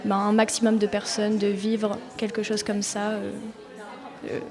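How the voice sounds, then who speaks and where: A young woman, a student, answering as a radio panel guest, soft and hesitant. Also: mid-range voice, monotone, measured pace, over music. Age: young adult. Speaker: student, programme ambassador. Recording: crowd noise at a public event.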